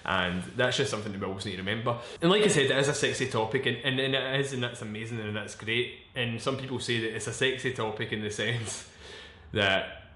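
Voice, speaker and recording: A man's voice: mid-range voice, pushed and bright, a little hiss or hum. Frank young man in an echoey room. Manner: halting, searching for words, frequent restarts; frank and swearing. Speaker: vlogger. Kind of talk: candid personal vlog monologue.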